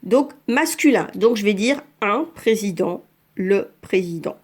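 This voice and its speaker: For French learners, a woman patiently explains each step of a phone app, screen by screen, calling out every tap at a slow pace. She sounds animated, with a mid-range voice and a darkish tone.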